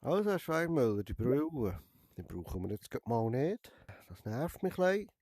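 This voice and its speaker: Very animated at a moderate pace, a young Swiss German gamer with a cold hams it up as a barber in a VR game on stream, teasing and tossing in a questioning "hä?". His medium-pitched voice has a darkish tone, in studio quality with no room sound.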